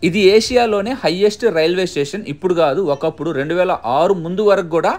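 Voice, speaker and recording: A male travel vlogger from India talks fast and chatty, keeping viewers with him as he points things out. His voice sits high. It is recorded outdoors along a toy train journey. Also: darkish tone. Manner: chatty, guiding viewers with "look here". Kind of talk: casual travel vlog narration.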